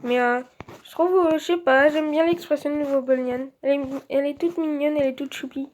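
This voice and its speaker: A woman's voice: high voice, steady tone, fairly quick, darkish tone. A woman giving casual let's-play commentary, chatty and thinking aloud with lots of filler words.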